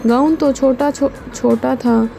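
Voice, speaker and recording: A woman storyteller reading a first-person story aloud in a calm, flat, measured way. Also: high-pitched, gravelly, slight background noise. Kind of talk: scripted story narration.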